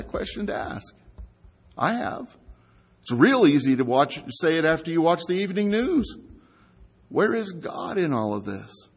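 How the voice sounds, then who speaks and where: A man delivers a sermon with a voice pitched high for a man. His tone is husky, and he talks to his congregation casually, asking rhetorical questions and stretching out the words he wants to stress. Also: in a large hall. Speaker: pastor.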